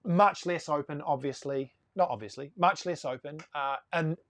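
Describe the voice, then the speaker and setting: A man of about forty, a sailing charter boss talking as a guest in a casual live-stream interview, a lively storyteller who talks in quick bursts. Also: fairly high pitch, no room sound.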